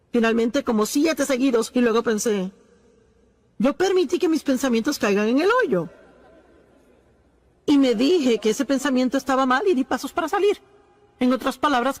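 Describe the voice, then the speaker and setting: Voicing a preacher in a dubbed sermon, a woman with a high-pitched voice speaks earnestly. She leans on key phrases, repeats them for emphasis, and pauses between points.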